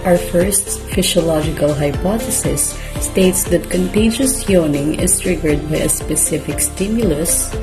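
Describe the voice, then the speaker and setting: A woman giving smooth, even scripted explainer narration. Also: deep voice. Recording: music bed behind.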